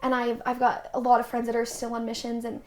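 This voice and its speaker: A woman's voice: on the high side, monotone, fast. Chatty young woman podcast guest. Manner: chatty, acts out quoted dialogue; frequent filler "like". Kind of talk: casual podcast storytelling.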